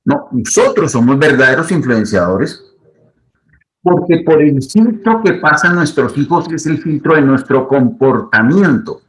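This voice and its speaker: A man's voice: fairly high pitch, sing-song, measured pace, poor audio. A middle-aged man, a psychologist, giving advice to the camera in a teaching manner and repeating his key points. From Colombia.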